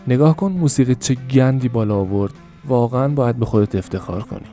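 A man putting on a shrill, bitter scolding mother. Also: soft background music, lightly acted. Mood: scornful. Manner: sharp, exasperated scolding.

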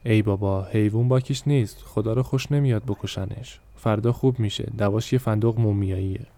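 A man's voice: fairly low pitch, warm tone, dry recording, natural voice. A man voicing a pious older male cleric in a spoken story, placating and dismissive.

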